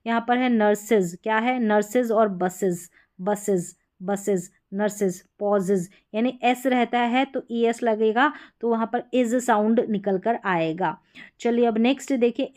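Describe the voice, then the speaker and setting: A woman's voice: a little high, darkish tone. Patient woman teaching pronunciation, Hindi accent. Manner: patient, repeats each example word slowly. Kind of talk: explanatory spoken lesson.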